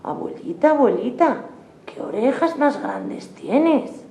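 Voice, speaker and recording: Lady putting on a sweet little girl, high and slow, echoey room. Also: very animated, mellow, full character voice. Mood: wondering.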